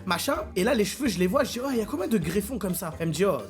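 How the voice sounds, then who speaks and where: A man's voice: sits high, rapid-fire. Young guy rattling off a crazy story, music going behind him. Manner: animated, slangy, acts out scenes with big swings. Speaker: streamer. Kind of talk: casual storytelling to viewers.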